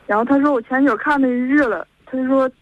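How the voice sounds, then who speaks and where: Speaking quickly in a high voice, this twenties-aged caller with a Northeastern Mandarin accent chats on a call-in show. She strings her meandering tale together with repeated "and then"s, and the telephone audio comes through dull and lo-fi.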